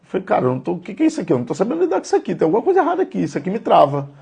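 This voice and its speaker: A man's voice: sits high, huge pitch swings, very fast, creaky, warm tone, slightly rough. A man in his thirties giving a conversational, earnest devotional sermon, speaking directly to his listeners. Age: 30s. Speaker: preacher.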